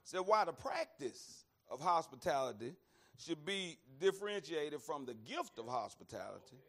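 Teaching the Bible in a conversational sermon, this Alabama preacher has a fairly high, fairly bright, sing-song voice and keeps a moderate pace. He's folksy and emphatic, repeats lines for effect, and frequently says y'all to the group.

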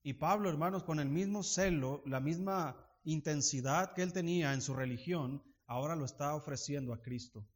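A man's voice: fairly high pitch, moderate pace, few pauses. A man preaching a sermon as a pastor, addressing listeners as brothers and asking frequent rhetorical questions. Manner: builds to louder emphatic preaching.

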